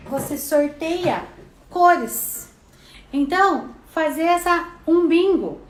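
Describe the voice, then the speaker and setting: A woman's voice: sits high, a bit bright. A woman with a Brazilian accent teaching a casual online lesson in a chatty way, often adding "né". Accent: Brazilian Portuguese. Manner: chatty, frequent "né" tags. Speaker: neuropsychopedagogy teacher. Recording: roomy echo.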